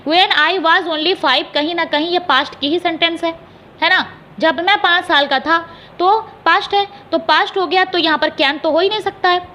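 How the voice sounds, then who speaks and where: A woman's voice: very high voice, fairly even intonation, bright, forceful tone. A woman teaching an exam-prep English lesson. She explains each answer step by step, spells words out letter by letter and keeps checking in with her students. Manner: reads English questions slowly and deliberately.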